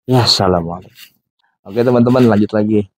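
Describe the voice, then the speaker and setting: A man's voice: lowish voice, fairly quick, darkish tone. A man hosting a reaction video, making casual, sardonic comments to his viewers and laughing now and then.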